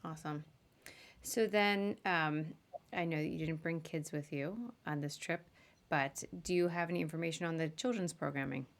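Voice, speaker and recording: Hosting a live video show, a woman with a low voice interviews her guest in a casual, chatty way at a moderate pace.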